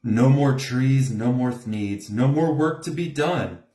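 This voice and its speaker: A man's voice: mid-range voice, takes it slowly, dark tone. A man reading a rhyming storybook aloud in a theatrical, emphatic way. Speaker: storybook reader. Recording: echoey room.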